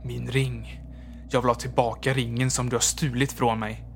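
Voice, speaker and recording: A man's voice: mid-range voice, level tone, vocal fry, a little hiss or hum, close to an everyday voice. A man voicing the menacing ghost of a dead man who has come back for his stolen ring.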